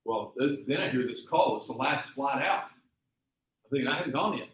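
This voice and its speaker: A man's voice: mid-range voice, lively intonation, normal speed, slight background noise. A man teaching a taekwondo class, giving a repetitive, emphatic motivational talk full of rambling stories. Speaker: taekwondo instructor. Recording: echoey, dull lo-fi room sound.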